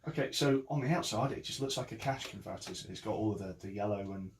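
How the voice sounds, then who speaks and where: A man's voice: fairly low pitch, quick pace, slight background noise. A man narrating scenes as game master, in a matter-of-fact way.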